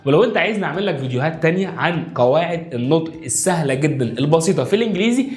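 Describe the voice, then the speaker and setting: A man with an Egyptian Arabic accent teaching English pronunciation at a whiteboard, coaxing his viewers and drilling each sound in a slow chant. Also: a little high, animated, echoey room. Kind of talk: video lesson at a whiteboard. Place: indoor room with a whiteboard.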